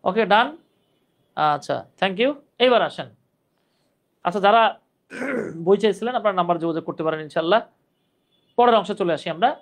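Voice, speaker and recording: Young guy teaching grammar live online, explains slowly, answers chat comments by name. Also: high-pitched, animated.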